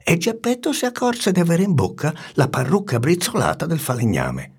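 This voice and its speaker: A man with a raspy, gravelly voice reading a storybook aloud in an expressive, animated way. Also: a little high, normal speed. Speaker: narrator.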